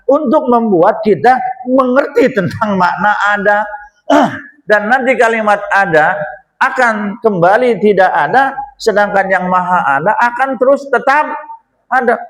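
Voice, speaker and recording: A man's voice: high-pitched, low-quality recording. A man teaching a Quran study group, chatty and joking, often asking his listeners questions. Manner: chatty, asks the audience questions, jokes often. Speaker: religious teacher. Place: small prayer hall, live gathering.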